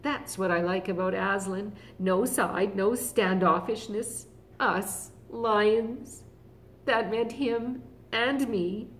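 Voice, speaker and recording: A woman's voice: mid-range voice, slow, natural voice. A woman doing a proud chattering lion. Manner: boastful, excited repetition.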